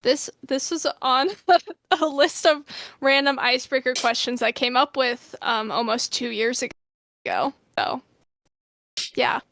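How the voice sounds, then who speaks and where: A woman's voice: high voice, takes it slowly, a bit bright, no echo. A young woman with a slight Southern US accent co-hosting a casual podcast, chatty and laughing easily. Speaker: podcast co-host.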